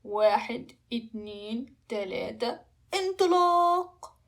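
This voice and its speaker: A woman with an Egyptian Arabic accent voicing a proud, showy male dragon in a children's story, clearing his throat again and again. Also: fairly high pitch, fast, a bit bright. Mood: boastful. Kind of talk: storybook voice acting.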